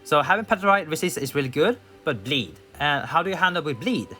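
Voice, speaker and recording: Gaming commentator, male, higher voice, casual and thinking aloud, faint music bed. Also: lively intonation, brisk, pushed and bright. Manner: thinks aloud with fillers and restarts. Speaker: gaming YouTuber. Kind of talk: casual tier list commentary.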